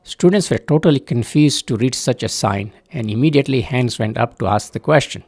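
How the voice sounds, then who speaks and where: Older man with a gravelly, husky voice. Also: medium pitch, a little mellow, no room sound. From Uganda. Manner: measured, earnest storytelling. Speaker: parent telling a personal story. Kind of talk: scripted personal narration.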